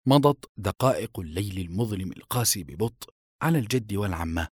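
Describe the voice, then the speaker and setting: A man narrating a novel as an audiobook in expressive storytelling style. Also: lowish voice, breathy edge, no room sound, clean studio sound. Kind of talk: scripted narration.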